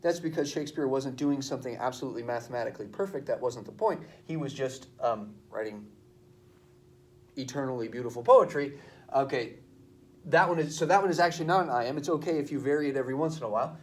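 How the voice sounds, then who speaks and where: A male teacher recording a video lesson for his students, explaining verse slowly and stressing syllables aloud. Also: medium pitch.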